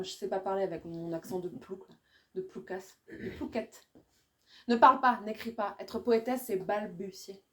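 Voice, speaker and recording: A woman poet performs her work live in a small indoor venue, her medium-pitched voice moving rhythmically and repetitively between loud bursts and hushed lines.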